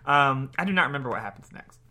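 Bright-voiced man rambling casually. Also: medium pitch, expressive, fast talker. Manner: rambling, many fillers and restarts. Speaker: podcast co-host. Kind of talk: casual chat.

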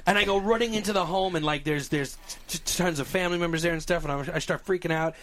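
A man co-hosting a casual talk show, telling a dream story in an animated way, swearing often and acting out voices. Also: on the high side, quick pace, slight background noise. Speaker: podcast co-host.

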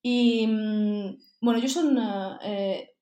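A woman's voice: fairly high pitch, slow, warm tone, echoey room. A woman with a Spain Spanish accent, telling her stories as a podcast guest and acting out her own self-talk. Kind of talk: casual conversation.

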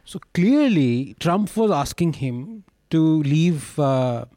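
A man talking politics casually as a panelist, halting as he searches for words. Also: on the high side, very animated, warm tone, dry recording, studio quality. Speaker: discussion panelist.

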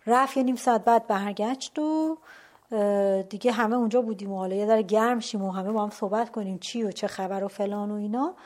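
A woman casually telling a personal story out loud. She is animated, sometimes drops to a hushed whisper, and often breaks off mid-word to restart. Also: mid-range voice. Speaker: storyteller recounting a climb.

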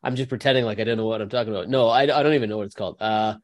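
A man's voice: on the low side, steady tone, rapid-fire, dry recording. A man hosting a podcast, talking through news in a casual, conversational way. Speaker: podcast host.

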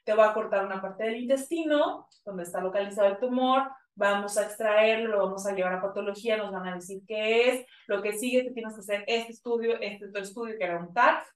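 A woman's voice: medium pitch, fairly quick, hardly any pauses, recorded from a distance. A woman recounting a personal story in casual conversation, full of fillers and quoted dialogue. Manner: emotional, filler-heavy retelling with many quoted lines. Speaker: guest telling her story. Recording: echoey room, a bit off-mic.

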